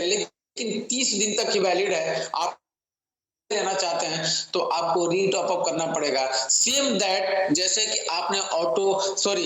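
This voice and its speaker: A man with a high, very bright and forceful voice walks listeners through an income plan, calling them friends and slipping into English. His voice rings in a strongly echoing room, with faint noise behind. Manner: repetitive, addresses listeners as friends, mixes in English phrases. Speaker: network marketing plan presenter. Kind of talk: sales pitch explaining an income plan.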